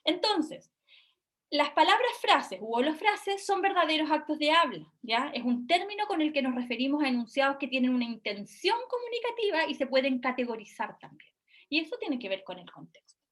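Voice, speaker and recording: A woman delivers a recorded university lecture in a high, bright voice. She explains patiently step by step, often pausing to check that her students follow. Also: sing-song. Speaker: university lecturer in speech therapy.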